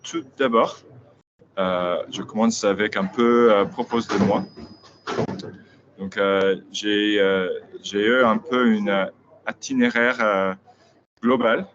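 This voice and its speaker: A man's voice: fairly low pitch, fairly even intonation, slow pace, long pauses. An Australian man, a native English speaker, giving a prepared lecture in hesitant French with a foreign accent. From Australia, Sydney. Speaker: veterinary specialist, conference speaker. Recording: dull lo-fi web audio, faint noise.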